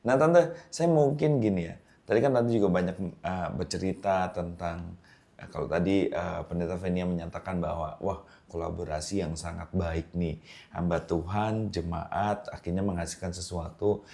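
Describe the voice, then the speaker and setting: Man, podcast host, low pitch, gravelly, dark tone, polite affirming questions. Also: fairly even intonation, normal speed. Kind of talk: casual interview.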